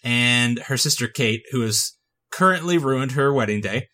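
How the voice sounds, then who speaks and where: A man's voice: medium pitch, animated, moderate pace, pushed and bright. A man hosting a podcast, recapping a TV movie scene by scene with dry sarcasm. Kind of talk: casual comedic recap.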